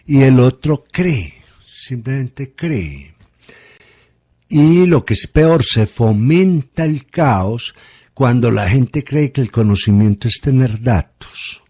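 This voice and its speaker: A man's voice: mid-range voice, animated, slow pace, a little mellow, slightly rough. A man, a guest on a radio conversation, reflecting aloud and asking rhetorical questions.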